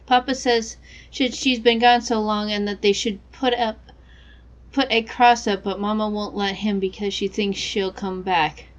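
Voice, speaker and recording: A woman's voice: medium pitch, steady tone, measured pace, natural voice. Woman reading as a naive, frightened little girl diarist. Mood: sad, reluctant. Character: frightened young girl writing her diary, naive, rural.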